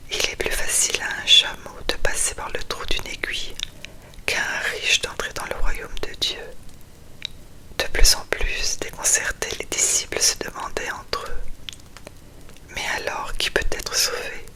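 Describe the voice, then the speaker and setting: A person reading scripture in a quiet, hushed ASMR whisper, soothing, as if at night for bedtime. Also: poor audio. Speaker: reader.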